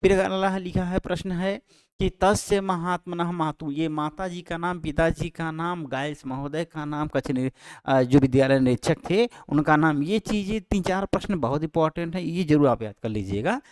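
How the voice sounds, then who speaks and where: A male teacher talking students through exam answers, explaining patiently and repeating key points, with frequent pauses and self-corrections. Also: fairly high pitch, smooth, no room sound. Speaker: Sanskrit teacher. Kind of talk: exam-prep lesson. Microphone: handheld microphone held close.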